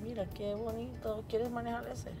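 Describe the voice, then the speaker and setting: A woman's voice: a little high, level tone, moderate pace, over loud music. A woman working as a repo agent, teasing her partner and talking in a sassy way, slipping in English words. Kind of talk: scripted reality banter and interview.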